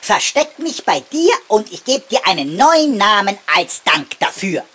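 A man voicing a tiny, ancient lightning sprite who is boastful and quick to take offense. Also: high-pitched, sing-song, pushed and bright, breathy edge, pitched above the performer's own voice, heavily acted. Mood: pleading.

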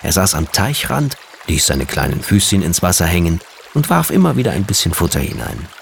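A man reading a children's storybook aloud with gentle, lively storytelling. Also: low voice, fairly quick, vocal fry, slight background noise.

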